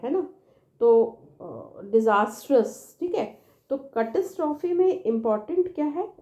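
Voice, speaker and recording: A woman's voice: fairly high pitch, dark tone, roomy sound, muffled recording. A woman teaching English vocabulary in a patient, repetitive way, speaking with an Indian English accent and checking in with tag questions after each point. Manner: slow, patient, repeats each word and its spelling; ends phrases with tag questions. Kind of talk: vocabulary lesson in Hindi mixed with English.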